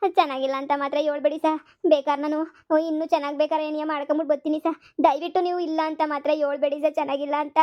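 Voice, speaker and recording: A high-voiced village woman, played by a woman for a cartoon, begging and pleading as she sells homemade chutney powder. She tacks "sir" onto nearly every line. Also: level tone, fast talker, lo-fi sound, close to an everyday voice. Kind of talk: cartoon voice acting.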